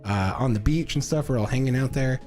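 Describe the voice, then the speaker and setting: A man co-hosting a casual podcast chat, telling stories with lots of swearing, his voice jumping high when he gets worked up. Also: a little fast, faint music behind. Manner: animated storyteller, swears freely, voice jumps high when excited. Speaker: podcast co-host.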